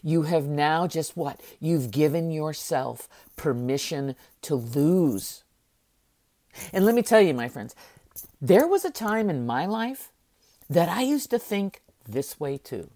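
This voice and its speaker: A middle-aged woman hosting a motivational podcast, speaking emphatically and repeating key words with dramatic pauses. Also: sits low, expressive, dark tone. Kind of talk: motivational speech.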